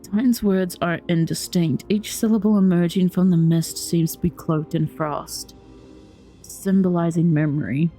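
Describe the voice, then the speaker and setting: A woman's voice: on the low side, steady tone, a little slow, dark tone, soft background music, rough recording. A woman giving casual let's play commentary, informally musing aloud as she plays and reads along. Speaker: gaming streamer.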